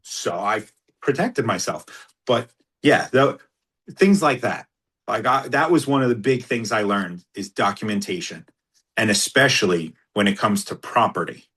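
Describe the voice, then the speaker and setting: A former police officer recounting courtroom stories in a casual interview, acting out the quoted dialogue. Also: male voice, fairly low pitch, animated, measured pace, a bit bright, husky.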